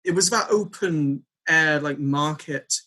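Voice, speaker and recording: A man's voice: fairly high pitch, measured pace, pushed and bright. A man chatting casually as a podcast host and interviewer. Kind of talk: casual chat.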